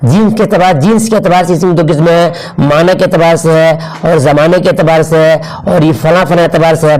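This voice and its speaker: A man's voice: on the high side, darkish tone, poor audio. A man teaching an exam-prep grammar lesson, asking questions and answering them himself in a drilling manner. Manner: urges students to like the video.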